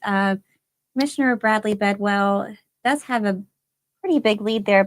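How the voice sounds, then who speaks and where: Woman co-anchor recapping results on air, unpolished and hesitant, mid-pitched. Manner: hesitant, reading results with fillers and small laughs. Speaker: election night co-anchor. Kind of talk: live election results recap.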